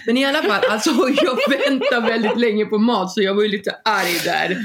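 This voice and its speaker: A woman in casual chat whose pitch leaps up and down as she spins her stories. She laughs easily and slips into little acted-out voices mid-tale. She is a chatty co-host with an animated delivery. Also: background noise. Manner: animated storyteller, laughs often; acts out voices when telling stories. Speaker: podcast co-host.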